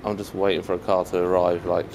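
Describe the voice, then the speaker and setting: A man's voice: sits low, flat delivery, quick pace, creaky, background noise. A young man in his twenties chatting casually to camera with dry, teasing banter, outdoors at a station car park and then in a moving car. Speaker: vlogger buying a car.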